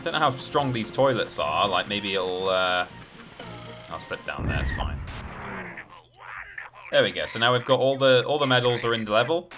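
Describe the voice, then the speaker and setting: Male streamer, lowish voice with very lively swings, rambling live game commentary, music behind. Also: normal speed, pauses often. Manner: rambling, thinks aloud to viewers. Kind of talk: live gameplay commentary with casual chat to viewers. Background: video game music.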